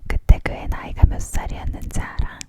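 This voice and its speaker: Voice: a little fast, lightly acted. Whispered role-play of a chatty furry creature by a reader. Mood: proud, enthralled. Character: furry big-pawed creature, chatty, proud, familiar friend.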